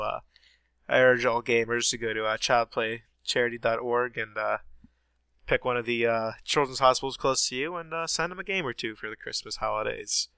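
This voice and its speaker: Stuffy from a sinus infection, a man co-hosting a gaming podcast reads out news in a casual, chatty way, with plenty of ums and uhs. His medium-pitched voice is sharp, clear and resonant, and the recording is dry.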